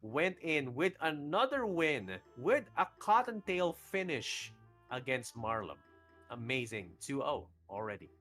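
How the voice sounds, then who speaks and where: Brief: male esports caster, lively and laughing, slightly high pitch, faint music behind. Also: unhurried. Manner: energetic, laughs often, many fillers. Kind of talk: live esports casting and trivia hosting.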